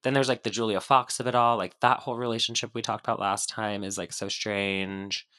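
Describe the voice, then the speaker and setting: A male podcast co-host with a slightly low, bright and forward voice that carries vocal fry. He chats casually in a rambling way, leaning on "like" as he goes. The recording is close and dry. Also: fairly even intonation, brisk, dry recording. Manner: heavy filler "like", rambling, hedging. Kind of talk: casual pop culture podcast chat.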